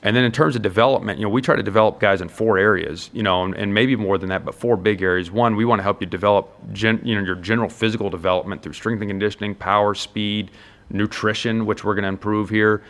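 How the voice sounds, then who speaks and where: This is a man's lowish voice with fairly even intonation and a fairly bright tone, moving at a quick pace. He's an American college football head coach in a conversational interview, earnestly and emphatically working through his points one at a time.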